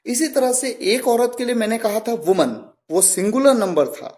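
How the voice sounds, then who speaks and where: A man's voice: extremely high pitch, lively intonation, normal speed, darkish tone. Man, teacher, careful step-by-step lesson, spells out words, rising and falling delivery. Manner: spells words out letter by letter and repeats each example. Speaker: English teacher. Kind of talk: explaining grammar step by step.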